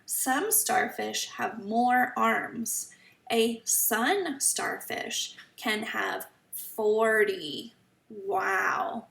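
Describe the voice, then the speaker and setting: High-pitched woman, kids show host, creaky edge. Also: fairly bright tone. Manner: kids show host, addressing children with questions and simple explanations. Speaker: children's teacher reading a picture book aloud. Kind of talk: children's story time read-aloud lesson. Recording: roomy echo, slightly distant mic.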